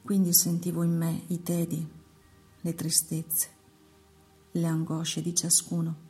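The Lord, solemn and unhurried, read by a woman: dark, gravelly tone, hushed devotional recitation. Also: on the low side, completely flat delivery, faint music behind, exaggerated voice. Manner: slow, measured, hushed recitation. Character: the Lord, a solemn male divine voice. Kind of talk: devotional reading.

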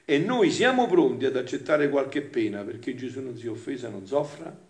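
A man preaching a homily in a gravelly voice, in an echoey church room. He keeps asking rhetorical questions and moves between hushed asides and loud, emphatic passages. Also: mid-range voice, expressive, normal speed. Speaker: friar preacher. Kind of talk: sermon.

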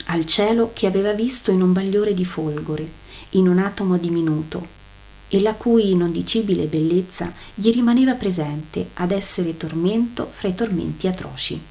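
A woman reads a religious text aloud with solemn, emphatic storytelling. Her voice is low and dark in tone, mellow rather than bright. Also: normal speed, vocal fry. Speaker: reader. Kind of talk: dramatic reading of a religious text.

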